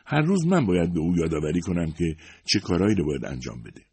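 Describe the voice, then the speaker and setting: A man's voice: low voice, very animated, a little mellow, breathy edge, no echo, heavily acted. A man voicing a humble, worried secretary in her fifties who talks hesitantly and apologetically. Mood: apologetic. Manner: hesitant, modest, self-excusing.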